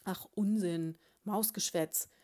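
A grumpy, miserly hamster farmer , as a woman reading a storybook puts him on, snapping and blustering in a raised, loud voice. The tone stays mellow and warm underneath. He rants about his hard lot and shoos others away. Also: medium pitch, normal speed, natural voice. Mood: angry shouting. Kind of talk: audiobook character voice.

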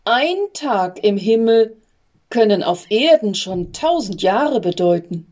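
A woman voicing a patient male archangel in a storybook reading, with a calm, measured, reassuring manner. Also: medium pitch.

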